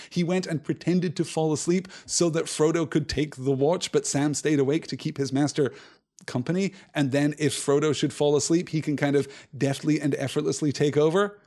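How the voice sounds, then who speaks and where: Enthusiastic man reading and musing aloud. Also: on the high side. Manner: thoughtful, enthusiastic, digressive. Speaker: host of a live book-reading stream. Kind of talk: reading aloud and discussing, answering chat.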